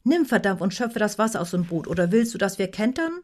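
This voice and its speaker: A woman voicing a fiery young Viking woman who snaps sharp commands at a fellow rower in an audiobook. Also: deep voice, takes it slowly, breathy edge, heavily acted. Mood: scolding. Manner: sharp, scolding, barking commands.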